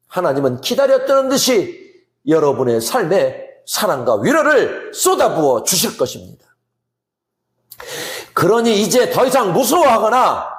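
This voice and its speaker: Male preacher, very high and lively voice, earnest sermon delivery, echoey room. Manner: gentle, earnest preaching with emphatic swells. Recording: roomy echo.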